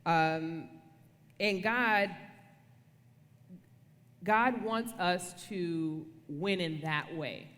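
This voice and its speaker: A woman's voice: lowish voice, extremely slow, long pauses, fairly bright tone. A woman giving a casual devotional talk on marriage as co-speaker, conversational and playful, often checking for agreement. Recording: reverberant room.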